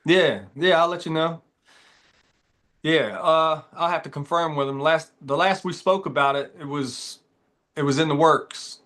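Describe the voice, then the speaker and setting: Relaxed man hosting a casual chat. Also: on the high side, unhurried. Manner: relaxed, says "man" and "dude". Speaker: podcast host. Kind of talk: casual conversation.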